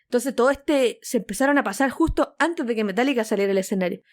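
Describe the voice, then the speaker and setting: A Chilean woman in her young adult years, chatting on a podcast. Her voice sits fairly high, and she performs the story, jumping into the voices of the people she quotes. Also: quick pace. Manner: animated, acts out quotes with big shifts in voice. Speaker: podcast co-host. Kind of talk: casual chat, storytelling.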